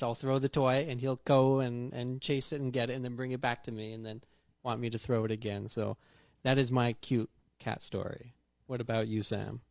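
Give me a relaxed young man chatting, self-deprecating, in a dry close sound. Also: medium pitch, no echo. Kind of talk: casual chat.

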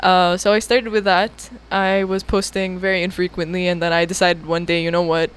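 Young woman from jordan, guest on a radio show, smooth clear voice, laid back and chatty. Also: lowish voice, normal speed. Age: young adult. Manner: relaxed, laughing, casual with many "like"s. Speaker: guest musician. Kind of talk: casual radio interview. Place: radio studio.

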